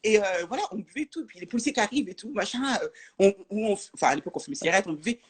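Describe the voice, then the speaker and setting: A woman's voice: mid-range voice, sing-song, rapid-fire, husky. A woman talking as a guest in a casual live-stream chat, hesitant, with many restarts, over a video call.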